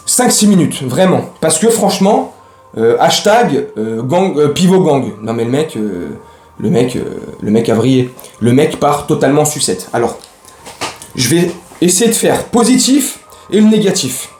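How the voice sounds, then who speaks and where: A man's voice: fairly high pitch, very animated, unhurried, a little mellow, a little hiss or hum. Heated slangy man ranting in an echoey room. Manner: slangy, heated, rambling with restarts. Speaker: football fan vlogger. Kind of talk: casual ranting vlog.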